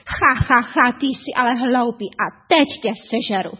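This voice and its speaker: A woman voicing a young male tiger in a storybook tale, pleading in a slow, drawn-out way. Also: on the high side, husky. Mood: gloating. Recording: dull lo-fi recording.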